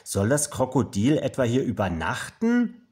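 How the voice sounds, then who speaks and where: A fussing, worried mother from a children's storybook, put on by a man reading aloud. Her voice sits well above his own with a husky breathiness and a lively, rising lilt. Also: unhurried. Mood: scolding. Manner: high, fussing, alarmed questions. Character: worried, strict mother of a young boy.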